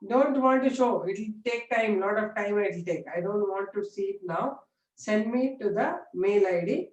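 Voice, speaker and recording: A woman's voice: mid-range voice, normal speed, darkish tone. A woman with an Indian accent teaching informally like a classroom lecturer, repeating points and often checking that students follow. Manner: repetitive explaining with frequent check-in questions. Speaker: biology teacher. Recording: echoey room, distant mic.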